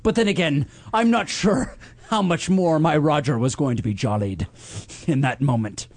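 A man's voice: on the high side, normal speed, no echo. A tipsy man hosting a comedy podcast in a hammy pirate persona, slurring a little as he banters. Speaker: podcast host.

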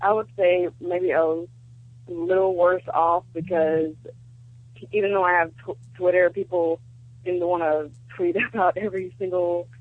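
A woman's voice: fairly low pitch, flat delivery, a little slow, no room sound. A woman in her twenties with a Southern US accent, calling a show, sounding tired, reserved and hesitant as she chats casually. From Georgia, United States. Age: 20s. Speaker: radio show caller. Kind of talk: casual phone-in chat. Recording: dull band-limited phone call.

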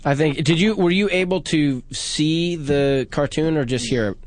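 A man's voice: a little high, normal speed, dry recording. A man hosting a call-in radio show, joking and self-deprecating, often restarting his sentences. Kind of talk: casual call-in talk.

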